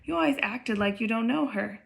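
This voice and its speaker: A teenage boy, irritated but kind at heart. A woman gives his lines in her normal reading voice. A faint gravelly fry colors it. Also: a little high, brisk. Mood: annoyed. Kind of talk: reading a novel aloud.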